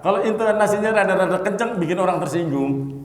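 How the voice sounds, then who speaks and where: A man's voice: sits high, expressive, quick pace. A man gives a sermon. He reads Arabic text, explains it, and turns to his listeners teasing asides. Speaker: preacher. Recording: echoey hall with long reverb.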